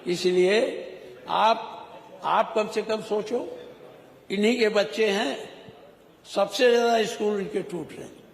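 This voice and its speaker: A man's voice: sits high, slow pace, vocal fry, pauses often. A middle-aged man giving a rhetorical floor speech as a legislator, scolding and teasing the ministers. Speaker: legislator speaking in the state assembly. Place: large legislative chamber. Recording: echoey hall broadcast audio.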